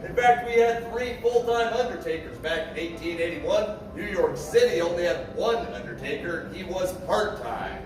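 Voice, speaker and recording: High-voiced folksy showman, very echoey room. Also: lively intonation, normal speed, hardly any pauses. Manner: folksy, rowdy showman projecting to the crowd. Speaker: live show host and storyteller. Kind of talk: theatrical storytelling to an audience. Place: saloon theater before a live audience. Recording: very echoey, distant, music behind.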